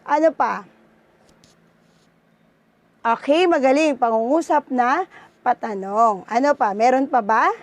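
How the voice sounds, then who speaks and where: A woman teacher with a Filipino accent gives a lesson in a high, bright-pitched voice. She keeps checking in with her pupils, tagging her points with "no?" and "okay?". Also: slow, pauses often, dry recording. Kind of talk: online class lesson.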